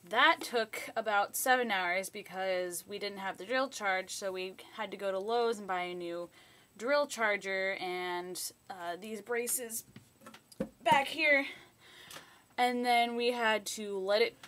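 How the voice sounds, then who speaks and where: Chatty young woman with a bright voice. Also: medium pitch. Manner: chatty, rambling with small everyday details. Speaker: vlogger. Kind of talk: casual vlog room tour. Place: small bedroom in a shared house. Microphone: laptop built-in mic, carried around.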